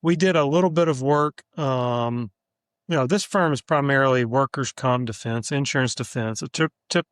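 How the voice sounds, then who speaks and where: Man, smooth clear voice, dry close sound, easygoing and thoughtful. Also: medium pitch, normal speed, no echo. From Mississippi, USA. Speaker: attorney, podcast guest. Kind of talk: casual interview chat.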